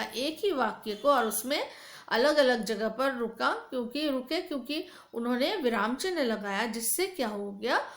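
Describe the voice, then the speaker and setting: Woman teacher, slow, slightly high voice, patient and repetitive, echoey room. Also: a bit bright. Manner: patient, repetitive, addresses children directly. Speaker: school teacher. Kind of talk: classroom lesson explanation.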